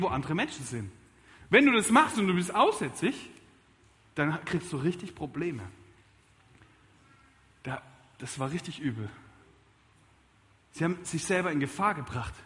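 A man delivers an animated sermon, pressing his points hard and then dropping to a hushed appeal. His voice sits high for a man. The sound carries a long reverb from a church hall. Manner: lively, emphatic preaching with shifts from loud to quiet. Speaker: pastor. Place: church service.

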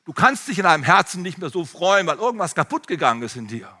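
Animated male pastor, bright tone, sermon in a church with long reverb. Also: high-pitched, fast talker. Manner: animated, addresses congregation directly.

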